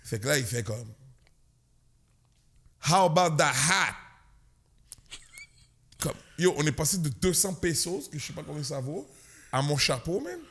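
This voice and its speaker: A man with a Québécois accent, a guest comedian telling an animated, slangy story on a podcast. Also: a little high, brisk, husky. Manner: slangy, punchy, mixes English words in.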